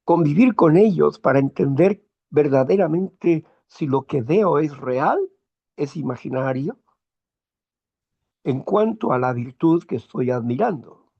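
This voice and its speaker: Slow, gravelly-voiced man. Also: a little high, expressive, dull audio. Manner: slow, measured, moralizing with personal anecdotes. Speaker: host of a morning talk program. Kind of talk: reflective monologue.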